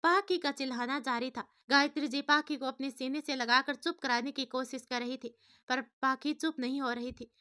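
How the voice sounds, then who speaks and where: A woman narrating a family story in a steady, expressive reading. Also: high voice, normal speed, smooth.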